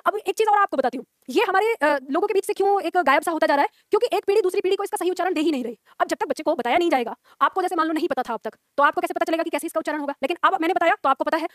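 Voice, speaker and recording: A woman's voice: very high voice, no echo, studio quality. A young woman teaching a Hindi class, explaining pronunciation patiently, repeating points and drilling sounds aloud.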